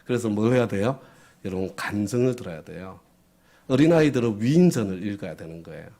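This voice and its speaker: A man's voice: fairly low pitch, fairly quick. A male pastor preaching a lesson, asking his listeners questions and answering them himself. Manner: lively, asks the audience questions and answers them; acts out little quoted voices for effect. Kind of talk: sermon lesson to a congregation.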